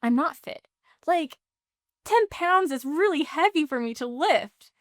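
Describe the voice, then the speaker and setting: Woman, 30s, guest, chatty and heartfelt, smooth higher voice, dry sound. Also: animated, a little slow, dry recording. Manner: chatty, emotional, fills talk with "like". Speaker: podcast guest. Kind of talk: casual interview chat.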